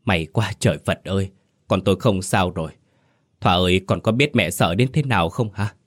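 A man voicing a frantic, grieving village mother who cries out and pleads, in a low voice close to his own. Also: normal speed, no room sound. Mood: tearful relief. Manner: crying out, pleading.

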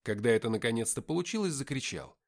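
A man narrates a first-person adventure audiobook at a middle pitch. His intonation climbs and dips a lot. He tells the story with a dry, wry humor. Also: big pitch swings, fast talker.

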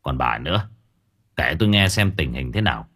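A man doing a gruff, snapping old husband. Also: very deep voice, expressive, normal speed, fairly bright tone, voice pushed down, heavily acted. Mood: gruff irritated. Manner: curt, snapping. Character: gruff, irritable older village husband.

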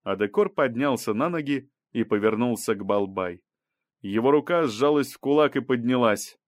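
A man narrating a novel in a steady, even reading voice of medium pitch. The sound is dry and close, with no room around it. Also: moderate pace, no echo. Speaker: audiobook narrator. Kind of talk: scripted narration.

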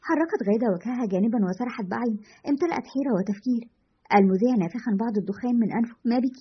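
A woman narrating a scripted story in a brisk, even way, in a dull lo-fi recording. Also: on the high side, a little hiss or hum.

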